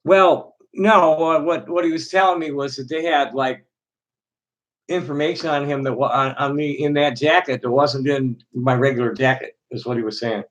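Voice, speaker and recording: Middle-aged Chicago man, live-stream host, rambling and halting delivery. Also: medium pitch, steady tone, lo-fi sound. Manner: halting, many restarts and fillers. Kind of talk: rambling casual monologue to chat.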